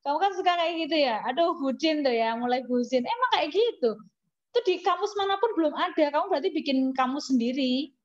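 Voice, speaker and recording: A woman's voice: sits high, expressive, fairly quick. A woman with an Indonesian accent teaching an English lesson, chatty and teasing, asking questions and answering them herself. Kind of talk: classroom lesson. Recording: dull lo-fi recording.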